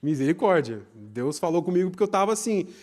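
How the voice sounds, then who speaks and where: Young Brazilian pastor with a high-pitched voice, preaching live, lively swings from loud to hushed. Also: male voice, fast talker. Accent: Brazilian Portuguese. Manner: animated, swings between loud emphasis and hushed asides. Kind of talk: live sermon. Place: church, live service.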